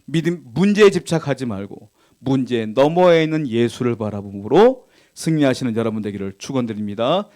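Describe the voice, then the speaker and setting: A man preaching as a pastor, asking the congregation questions, reading scripture aloud, and swinging between loud emphatic lines and quiet asides. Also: medium pitch, expressive, a little fast. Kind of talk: sermon. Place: church.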